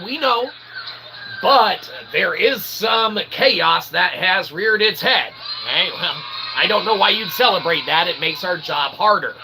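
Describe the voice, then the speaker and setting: Against a noisy background, a man with a voice on the high side hosts a comedy philosophy show. He rambles through a monologue in wordy, mock-formal phrasing with a theatrical showman's delivery.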